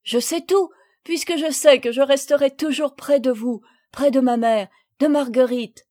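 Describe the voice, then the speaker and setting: Excited young son, keeps exclaiming, high voice, woman doing him. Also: measured pace. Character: eager, affectionate young man, the son.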